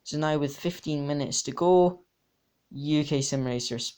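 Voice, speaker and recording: A man's voice: fairly high pitch, normal speed, a little mellow, smooth. Man commentating sim race replays. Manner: matter-of-fact, talks through laps turn by turn.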